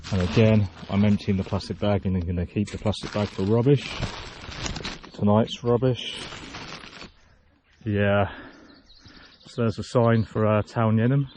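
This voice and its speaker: A man's voice: on the low side, flat delivery, measured pace, pauses often, warm tone, slight background noise. A man hiking outdoors and talking casually to his viewers, chatty and amused as he walks. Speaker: hiking vlogger. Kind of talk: casual walking commentary. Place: outdoors in open hill country.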